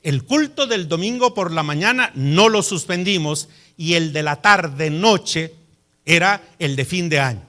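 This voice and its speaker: A man delivers a sermon as a pastor, his voice pitched high and bright. He tells stories in an animated way and stresses his points with emphasis. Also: a little slow.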